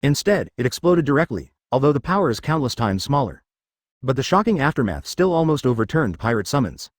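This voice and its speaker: A man reading fan fiction aloud as a steady scripted narration. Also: medium pitch, brisk, dry recording, studio quality.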